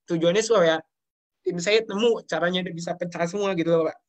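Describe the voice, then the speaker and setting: A young man from Indonesia talks fast in a slightly high voice. He speaks earnestly and keeps addressing the host politely as he tells his story. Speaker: guest sharing his business story. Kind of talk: emotional interview talk.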